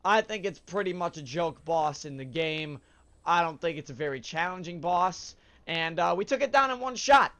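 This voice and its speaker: Speaking at a normal pace, a man with a sharp, animated voice on the higher side hosts a let's play. His nose is blocked from a cold, and his casual commentary wanders. He's talkative and rambling, often saying "uh" and correcting himself.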